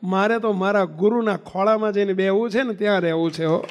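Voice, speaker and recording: A man's voice: sits high, brisk, big-room sound, natural voice. A man preacher voicing a reformed bandit who turns devotee, with fervent, devout exclamations. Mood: resolute.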